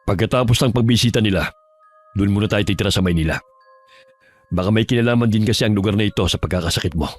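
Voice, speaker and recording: Protective hacienda husband, firm and steady , played by a man; audio horror drama. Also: on the low side, quick pace, soft background music, lightly acted. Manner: firm, then pleading and shouting. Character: worried landowner husband, patient and protective.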